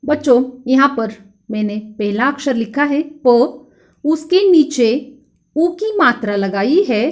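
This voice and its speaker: A woman with a high voice and a Marathi accent teaches young children. She speaks slowly and carefully, drawing out each word. She repeats sounds so her pupils can echo them back. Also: animated, a little mellow. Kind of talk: children's grammar lesson.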